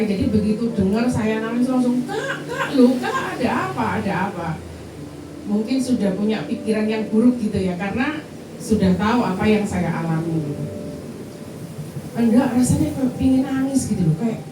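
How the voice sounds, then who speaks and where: A woman's voice: medium pitch, noisy background. A middle-aged woman, telling the congregation her personal testimony in a church hall. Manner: personal storytelling, addresses congregation directly. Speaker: church member giving testimony. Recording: echoey church hall from far off.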